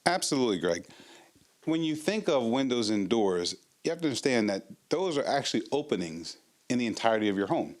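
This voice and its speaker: A man's voice: medium pitch, big pitch swings, fairly quick. A man speaking as a home consultant in an infomercial interview, explaining in long, wordy sentences. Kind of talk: infomercial interview, sales advice.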